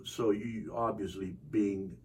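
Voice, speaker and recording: A man hosting a podcast interview, asking open questions in a relaxed, chatty way. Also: lowish voice, slow. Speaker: podcast host. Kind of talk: conversational interview. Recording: distant mic with faint background noise.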